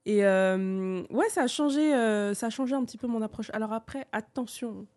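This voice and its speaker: A woman co-hosting a podcast, her voice mellow and warm. She explains at a measured pace, pausing often on hesitant fillers. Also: a little high. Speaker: podcast co-host. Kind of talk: casual conversation.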